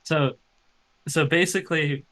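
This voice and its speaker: A man playing a tabletop game, explaining his moves in a halting way with frequent restarts. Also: fairly high pitch, steady tone, pushed and bright, poor audio. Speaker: player. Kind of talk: casual tabletop game talk.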